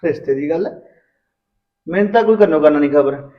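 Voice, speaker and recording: A man's voice: on the high side, expressive, fairly quick, lo-fi sound, natural voice. An actor playing a skeptical husband with a Punjabi accent, questioning his wife. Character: skeptical young husband, lecturing. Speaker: husband in a family drama. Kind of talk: Punjabi short film acting.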